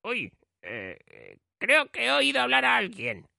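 A man's voice: very high-pitched, wildly swooping pitch, unhurried, gravelly, bright, forceful tone, no room sound, studio quality, pitched above the performer's own voice, heavily acted. A man voicing a nervous, bumbling thief in a storybook reading, stammering and hesitant. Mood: startled.

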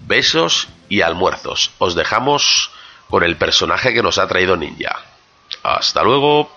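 A man's voice: low-pitched, sing-song, measured pace, vocal fry, sharp tone, lo-fi sound. A man with an accent from Spain, hosting a podcast and chatting casually to listeners. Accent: Spanish from Spain. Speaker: podcast host.

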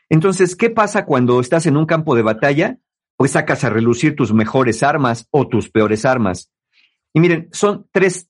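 A man's voice: on the high side, husky. A man giving relationship advice to listeners in a conversational talk, often mimicking the people he quotes.

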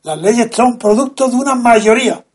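A man, speaking as a guest in a slow, deliberate, lecturing way, leaning hard on key words. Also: very high-pitched, animated, husky. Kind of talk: measured explanatory talk.

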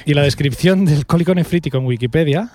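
A young man tells stories in a relaxed chat, and he acts out the voices of the people in them. His voice sits on the higher side. It sounds dry, with no room around it. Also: fast talker, dry recording. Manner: animated storyteller, acts out quoted voices. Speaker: podcast co-host. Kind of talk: casual chat. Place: walking outdoors up stairs.

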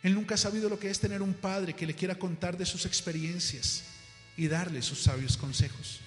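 Man doing a calm gentle spirit messenger, soothing, echoey room and faint music. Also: high-pitched, fairly quick, lightly acted. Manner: calm, reassuring. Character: calm male messenger come to take a soul.

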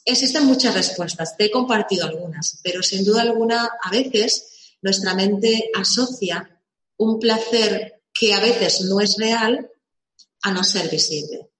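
This woman speaks unhurriedly in a mid-range voice with a fairly bright tone, leading a live session on visibility. Her motivational delivery relies on rhetorical questions and emphatic repetition, heard with roomy echo.

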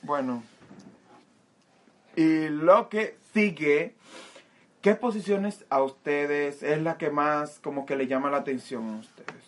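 A man, co-hosting a casual chat, teasing the others and acting out little exchanges with an animated voice. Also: a little high, slow, pauses often. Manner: playful, teasing, leads questions with animated voices. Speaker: podcast co-host.

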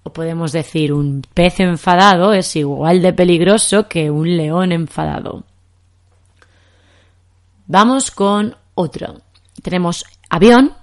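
A young woman from Spain teaches a podcast language lesson in Castilian Spanish. She talks slowly and patiently, working through one example after another, and her voice sits a little on the low side.

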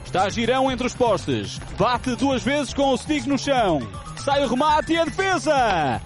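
A man with a European Portuguese accent giving fast, dramatic hockey commentary, excited and building up to big drawn-out calls. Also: very high voice, soft background music.

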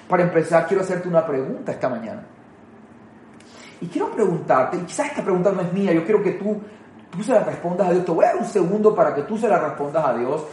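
A man with a fairly high voice preaching an online sermon to his congregation. He talks in a conversational way and often repeats words. He slows down and stresses his key phrases, and the recording has a noticeable room echo. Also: a little mellow, a little hiss or hum. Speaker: pastor.

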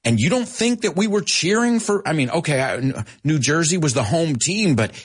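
A man hosting a lively radio show that teaches English, reading out listener messages and explaining phrases. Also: on the high side, moderate pace, breathy edge. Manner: energetic, reads listener chat messages aloud and explains phrases.

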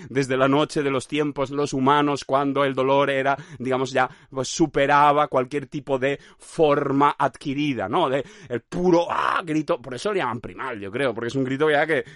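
A man hosting a podcast, musing in a rambling monologue with many filler tags and bursts of high nonsense cries. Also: fairly bright tone, dry recording, studio quality. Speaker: podcast host.

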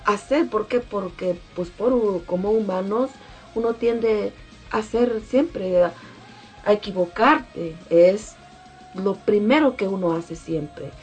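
A woman's voice: mid-range voice, takes it slowly, a little mellow, soft background music. A mother in a casual devotional talk, speaking emphatically and repeating key phrases.

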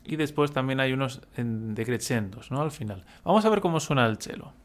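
A man's voice: mid-range voice, animated, brisk. A man teaching a music lesson, patiently explaining step by step and humming examples.

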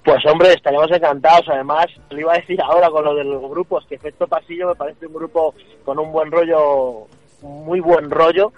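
A man from a band, a songwriter, answering radio interview questions in a relaxed, slangy way. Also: fairly high pitch, a little fast, no room sound. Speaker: band member, guitarist-songwriter. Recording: slightly dull radio sound.

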